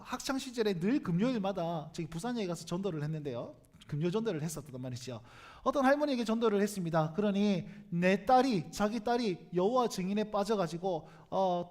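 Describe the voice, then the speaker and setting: Animated pastor preaching. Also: male voice, high-pitched. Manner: animated, acts out quoted voices with sudden loud bursts and quiet asides. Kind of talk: sermon with lively storytelling.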